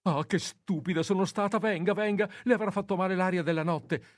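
A young nurse, anxious and bustling, who calls out high and loud, as a male narrator puts her on. The lines come from a storybook read aloud, in a dry and close sound. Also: fairly quick, no room sound, natural voice. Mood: alarmed. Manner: high, raised voice with sharp calls.

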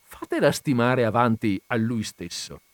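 A calm middle-aged lawyer speaks slowly and patiently, as a man reads him. His tone rises and falls as he explains. The recording is dry and close. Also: mid-range voice, no echo, close to an everyday voice. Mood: measured.

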